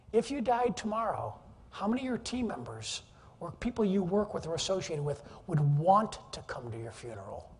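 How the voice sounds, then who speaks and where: A man giving an animated, joking keynote talk to a live audience in a conference hall, teasing the crowd as he goes. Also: high voice, husky. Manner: animated, jokey, teases the audience. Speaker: keynote speaker. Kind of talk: energetic, humorous business presentation.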